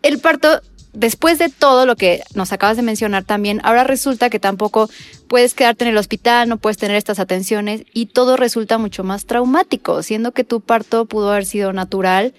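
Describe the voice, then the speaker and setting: A woman's voice: a little high, a little fast, no room sound. A woman, interviewing a guest in a personal, engaged way. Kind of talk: conversational interview.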